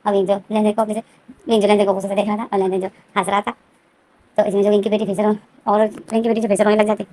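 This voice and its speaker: A woman casually retelling a fan-fiction story, with rapid, repetitive narration and many fillers. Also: mid-range voice, flat delivery, warm tone.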